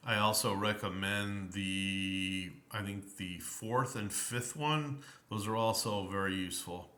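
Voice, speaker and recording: Slow rambling guy talking about an old game book, lots of ums, bright tone, echoey room at home. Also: on the low side. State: tired, yawning. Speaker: tabletop game book reviewer. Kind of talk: casual spoken review of a game book.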